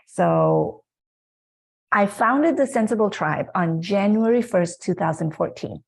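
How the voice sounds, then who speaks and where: Slow-speaking woman from Malaysia. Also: mid-range voice, lively intonation, creaky. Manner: earnest, reflective, with frequent fillers. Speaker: guest speaker. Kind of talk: presentation talk.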